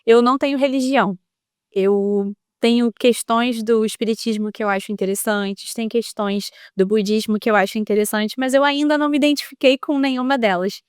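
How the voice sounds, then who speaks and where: A woman working as a building manager, a guest on an interview podcast, telling a story in an animated, lively way. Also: fairly high pitch, normal speed, clear, resonant tone, no room sound, studio quality.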